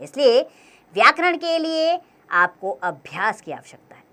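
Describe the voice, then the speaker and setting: Bright, high-voiced woman teaching children. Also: very animated. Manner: patient, encouraging, counts aloud slowly. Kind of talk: explaining a workbook lesson to children.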